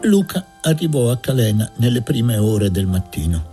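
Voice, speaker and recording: A man narrating a novel aloud in a measured, expressive reading. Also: medium pitch, loud music behind the voice. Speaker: audiobook reader. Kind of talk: literary audiobook narration.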